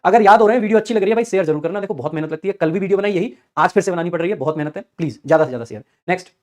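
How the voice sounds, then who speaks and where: Guy teaching vocab tricks, rattles off words quick, chants them over and over. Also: sits high, darkish tone. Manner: fast, chatty, repeats key words in chanting rhythm. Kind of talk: exam-prep vocabulary lesson with memory tricks.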